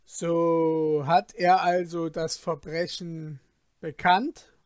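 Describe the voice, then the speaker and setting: A commanding caliph passing judgment in a storybook, measured and authoritative, slow and deliberate, as a male reader plays him. A dry, close recording with no room. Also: fairly high pitch, level tone, clean tone, dry recording. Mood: stern.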